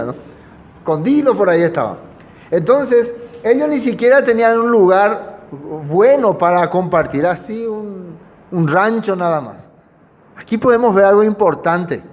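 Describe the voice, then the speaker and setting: Male preacher, high voice, informal Bible teaching, chatty and checking in with the room, long hall reverb. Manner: conversational, asks the listeners for agreement.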